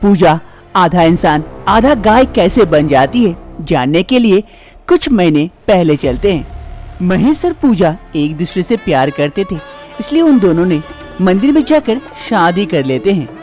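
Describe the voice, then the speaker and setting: A woman narrating a scripted story in an expressive, sing-song way. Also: on the low side, measured pace, soft background music.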